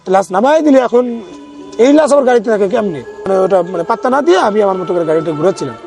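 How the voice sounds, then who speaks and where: A man's voice: high voice, animated, racing, vocal fry, a little mellow. A man, an ambulance driver, telling his own experience in a casual, rambling way, often restarting his sentences. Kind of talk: casual first-person storytelling. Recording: faint background music.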